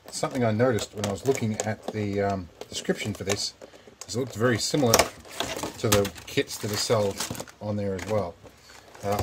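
A man's voice: lowish voice, noisy background. A middle-aged Australian man hosting a casual how-to vlog, chatty and rambling with wry asides. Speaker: repair channel host.

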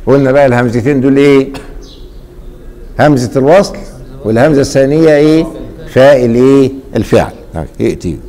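A middle-aged man with an Egyptian accent teaching a classroom grammar lesson, repeatedly pausing mid-sentence so students fill in the missing word. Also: mid-range voice, dark tone. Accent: Egyptian Arabic. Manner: quizzing, leaves blanks for students to fill.

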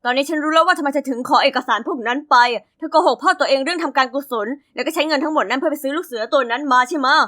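A woman's voice: high-pitched, racing, few pauses, sharp tone. A woman doing a smug teenage boyfriend. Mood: accusing. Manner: accusing, dismissive.

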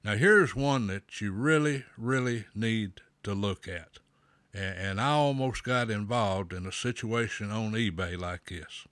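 A man hosting a pipe smoking show, giving slow, folksy advice with a pipe in his mouth. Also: on the low side, a bit bright, dry recording. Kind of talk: casual talk to camera.

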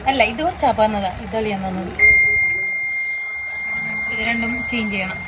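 A woman's voice: fairly high pitch, moderate pace. A woman chatting casually as a vlog host, mixing English words into her Malayalam. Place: outdoor night market and roadside. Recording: noisy street with traffic and crowd.

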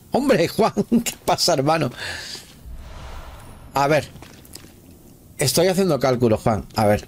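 A man's voice: mid-range voice, a little mellow, a little hiss or hum. A man giving casual live commentary while playing a video game, chatting with viewers and exclaiming at the action. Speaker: gameplay streamer.

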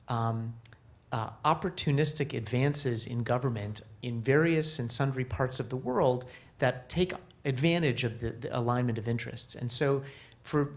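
A middle-aged man speaking on a conference panel stage into a handheld mic, casual and animated, with many fillers and restarts. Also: mid-range voice. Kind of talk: panel discussion.

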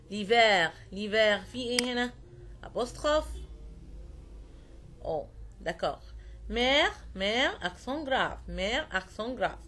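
A woman with an Egyptian Arabic accent teaching French to young students, repeating each word slowly and checking that they follow. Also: fairly high pitch, a bit bright. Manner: patient, repeats words slowly and checks understanding.

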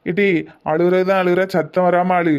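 A woman's voice: on the low side, flat delivery, moderate pace, a little mellow, clean tone, lo-fi sound, natural voice. A woman voicing an exasperated middle-aged village husband in a cartoon comedy, brusque and weary.

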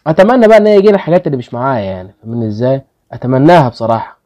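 A man's voice: medium pitch, expressive, very fast, dark tone, dull audio. A man with an Egyptian Arabic accent hosting a casual gaming video, pleading with his luck and grumbling when the results go badly. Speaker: gaming channel host.

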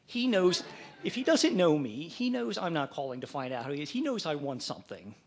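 Fairly high-pitched and a little fast, with big swings in pitch, this man is a Mid-Atlantic fundraising trainer. He keeps his talk practical and straightforward, acting out example phone calls.

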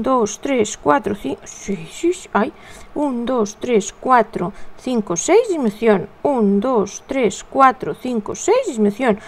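Chatty high-voiced woman, crochet tutorial host, mutters stitch counts between stories. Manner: chatty, counts stitches under her breath, addresses viewers as "reinas".

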